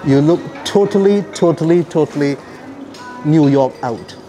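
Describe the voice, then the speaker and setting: A man's voice: fairly high pitch, moderate pace, warm tone, soft background music. A man hosting a vlog, teasing and joking with guests in a cafe, recorded on a handheld camera mic. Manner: playful, teasing, self-mocking. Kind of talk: casual teasing chat. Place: indoor cafe.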